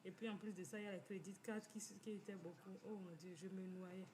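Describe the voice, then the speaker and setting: A woman's voice: medium pitch, level tone, fairly quick, a little mellow, slight background noise. A woman speaking casually in a personal testimonial monologue, repeating words for emphasis and slipping in English terms. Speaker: host.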